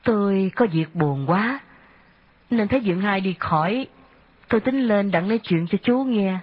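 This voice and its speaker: Tearful humble man voiced by a woman reader, slow halting speech, sorrowful, muffled lo-fi sound. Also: mid-range voice, expressive, close to an everyday voice. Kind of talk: audiobook character reading. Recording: dull lo-fi audio.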